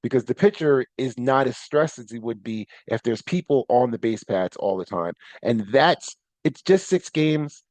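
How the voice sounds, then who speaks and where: A man's voice: medium pitch, lively intonation, normal speed, hardly any pauses, darkish tone, dry recording. A man hosting his own podcast, talking casually in a rambling, self-correcting way with bursts of animation. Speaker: podcast host. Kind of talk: casual solo podcast talk.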